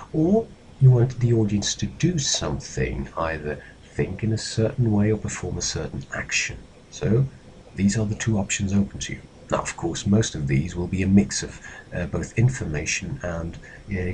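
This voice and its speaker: A man lecturing in a measured, instructive way, pausing with fillers as he explains. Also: lowish voice, a little mellow, slight background noise, rough recording. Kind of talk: recorded lecture slidecast.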